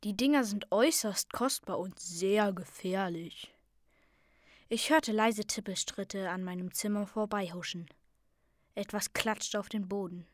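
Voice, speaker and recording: Woman, storyteller, calm soft narration, middle pitch, dry close sound. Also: unhurried, no echo. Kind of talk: reading a fantasy story aloud.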